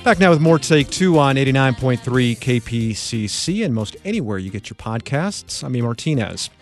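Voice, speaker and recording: A man's voice: medium pitch, expressive, normal speed, faint music behind. A man hosting a public radio show, introducing a guest and asking conversational questions.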